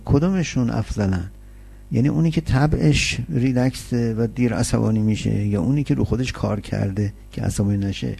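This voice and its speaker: Gravelly, husky man giving a sermon. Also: medium pitch, warm tone. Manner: explains with everyday examples and rhetorical questions. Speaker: religious lecturer. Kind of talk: conversational sermon.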